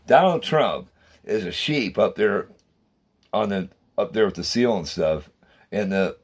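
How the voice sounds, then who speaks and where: A man's voice: low-pitched, a little mellow, breathy edge. A man hosting his own channel, delivering a rambling, fervent monologue and calling out to viewers as guys and man. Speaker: channel host.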